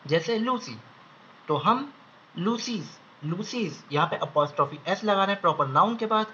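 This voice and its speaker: A young man teaching shorthand step by step, slowly repeating each word several times as he draws it. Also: high voice, animated, sharp tone. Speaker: shorthand instructor. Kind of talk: step-by-step lesson. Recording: slightly dull audio with faint background hiss.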